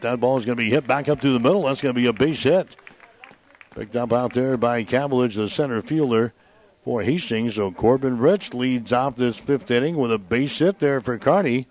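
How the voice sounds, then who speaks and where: A man's voice: medium pitch, a little mellow. A man giving live radio play-by-play commentary on a baseball game.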